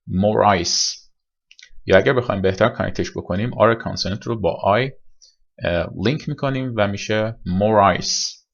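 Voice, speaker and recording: A man teaching English pronunciation in a recorded lesson, explaining step by step and repeating examples slowly. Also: medium pitch, muffled recording.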